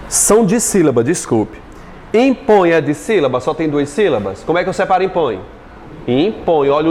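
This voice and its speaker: A man with a Brazilian Portuguese accent teaching an exam-prep lesson, chatty and joking, stretching words out slowly as he splits syllables. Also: on the high side, a little mellow, slight background noise. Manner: chatty, jokes with students, spells words out slowly.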